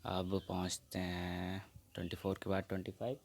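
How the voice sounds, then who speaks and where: A man's voice: deep voice, completely flat delivery, moderate pace. A man teaching an exam practice lesson, reading out quiz questions and answer options one by one and slipping into English phrases.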